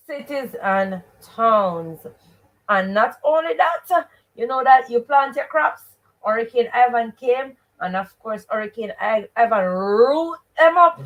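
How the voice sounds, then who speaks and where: A high-voiced Jamaican woman teaches live as host of a read-aloud show, running an interactive lesson that questions her listeners. She is expressive and emphatic, repeating rhetorical questions and stock phrases, and the recording quality is low.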